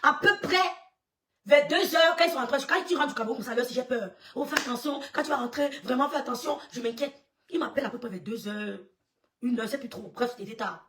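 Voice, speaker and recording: A woman with a fairly high voice tells a long story to her live viewers, acting out the voices of the people in it. She laughs often and stops to greet people as they join. Her voice sounds a little distant from the microphone. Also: a little fast, a bit bright. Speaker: livestreamer telling a story. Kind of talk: animated storytelling on a live stream.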